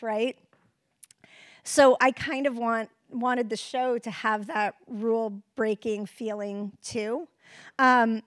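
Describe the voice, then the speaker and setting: A woman's voice: a little high, no echo, studio quality. A woman in her forties who adapted a book into a series, talking reflectively in a conversational interview. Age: 40s.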